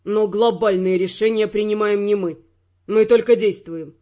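A woman's voice: mid-range voice, steady tone, moderate pace, dark tone, highs cut off, pitched below the performer's own voice, lightly acted. A woman voicing a wry, persistent young male secret agent who argues his point evenly. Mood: earnest.

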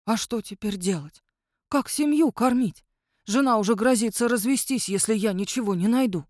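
A woman's voice: normal speed, darkish tone, no echo, clean studio sound, lightly acted. Woman doing a whiny male werewolf. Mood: mournful. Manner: shrill, indignant and whining. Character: whiny scheming male werewolf treasure hunter. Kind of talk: audiobook narration.

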